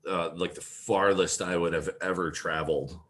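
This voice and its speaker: A man from Wisconsin with a very low voice chats as a podcast guest. He speaks earnestly and leans on "you know" between thoughts. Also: fairly even intonation, moderate pace, fairly bright tone. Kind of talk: casual podcast conversation.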